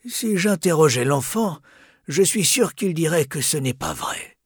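An actor playing a calm, firm old street showman in an audiobook, measured and coaxing in a husky voice. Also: a little high, no echo, clean studio sound, heavily acted. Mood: businesslike. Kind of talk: audiobook character voice.

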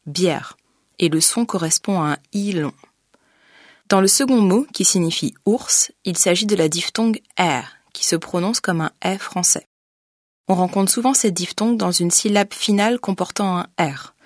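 A woman's voice: on the low side, dry recording, studio quality. Woman giving a careful pronunciation lesson. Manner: clear, methodical, slows down to model sounds. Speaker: language teacher. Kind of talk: scripted pronunciation lesson narration.

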